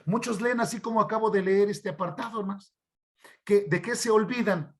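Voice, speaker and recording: A man with a Mexican Spanish accent leads an online Bible interpretation class, his voice sitting a bit high. He keeps calling his listeners brothers and puts questions to the class as he goes. He speaks into a computer mic on a video call. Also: fairly even intonation, fairly quick. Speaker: Bible study instructor. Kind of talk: online church workshop teaching.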